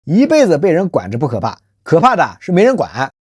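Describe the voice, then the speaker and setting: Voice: mid-range voice, huge pitch swings, brisk, a little mellow, husky, dry recording, studio quality. A channel host delivering a scripted social commentary monologue, rhetorical and emphatic, often posing questions to listeners. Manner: calls self by nickname in third person.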